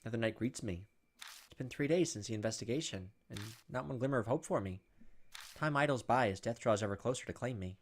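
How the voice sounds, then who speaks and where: Speaking briskly in a medium-pitched voice, a man hosts a gaming video, reading the on-screen text and cracking flippant comments over video game music. A little hiss or hum can be heard in the recording.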